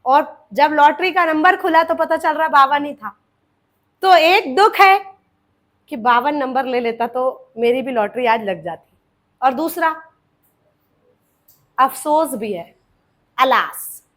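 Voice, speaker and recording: Woman, grammar teacher, very high pitch, acts out example sentences, addresses students fondly. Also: a bit bright. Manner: explains with acted examples, calls students "beta". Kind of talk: grammar lesson for exam students.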